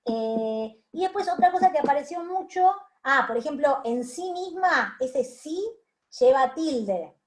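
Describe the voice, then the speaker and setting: A woman's voice: sits high, lively intonation, unhurried, darkish tone. A woman lecturer with a Rioplatense Spanish accent, giving feedback in an online class, hesitant, with many fillers and restarts. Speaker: university lecturer.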